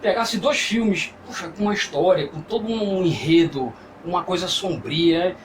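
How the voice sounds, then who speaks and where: A man co-hosting a casual group chat about films, talking in long animated runs with many restarts. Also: high-pitched, moderate pace, slight background noise, low-quality recording. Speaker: podcast co-host.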